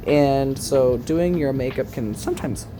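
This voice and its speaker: A man's voice: medium pitch, unhurried, noisy background. A man talking as a sassy, campy, chatty drag queen in a casual makeup tutorial voice-over.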